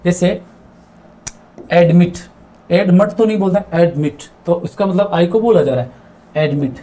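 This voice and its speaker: Male grammar teacher with a high, mellow voice who repeats terms and quizzes himself aloud. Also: lively intonation, moderate pace. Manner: repeats words and asks himself questions; mixes English terms into his explanations. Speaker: English teacher. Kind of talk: explaining grammar in a video lesson.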